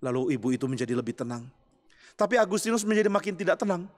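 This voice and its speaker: A man's voice: high-pitched, expressive, fast, in a large hall. A man, a pastor, preaching a storytelling sermon in a chapel, acting out the voices of the people he describes.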